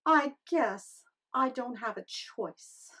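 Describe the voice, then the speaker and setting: Woman acting a slow, meek storybook fisherman. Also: fairly high pitch, lively intonation, heavily acted. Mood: reluctant. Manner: gentle, hesitant, pleading. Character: meek, kindly old-tale fisherman, a reluctant obedient husband.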